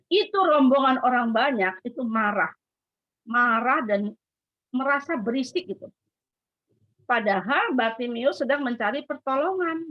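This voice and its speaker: A woman giving a school devotion, telling a story to children in an animated way and asking them questions. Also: on the high side. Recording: dull lo-fi sound.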